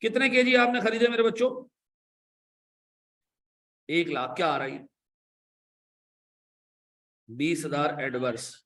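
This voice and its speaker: A man giving an accounting lecture, animated and coaxing, pressing his students with repeated questions and playful scolding. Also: a little high, takes it slowly, pauses often, roomy sound. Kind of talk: classroom lecture.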